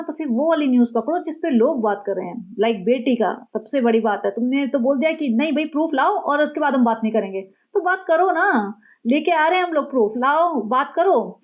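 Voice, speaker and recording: A woman giving chatty, sarcastic gossip commentary, recorded with a dull, lo-fi sound. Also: sits high. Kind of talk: casual commentary.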